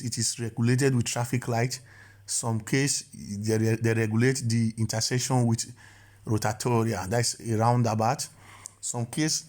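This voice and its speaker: In an explanatory voice-over lesson, a male driving instructor walks through driving rules with a mid-range, slightly mellow voice. He often starts over, stammering on those restarts, and he repeats and corrects himself along the way.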